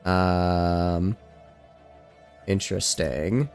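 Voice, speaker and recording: A man streaming a strategy game late at night at home, talking quietly in a rambling, self-joking way. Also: low voice, very slow, faint music behind. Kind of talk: casual gameplay commentary.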